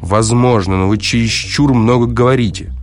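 Male reader as a curt, grumpy, stubborn man, deep voice, audiobook. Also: moderate pace, faint music behind, natural voice. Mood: irritated. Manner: gruff, curt retorts. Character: irritable, stubborn grown man. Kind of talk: audiobook reading.

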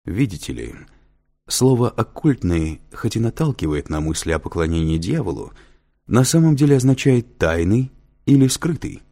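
A man's voice: on the low side, very animated, moderate pace, mellow, pitched above the performer's own voice. A man reading an audiobook, voicing a patient male professor who explains and lectures with dry humor. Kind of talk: audiobook character voice.

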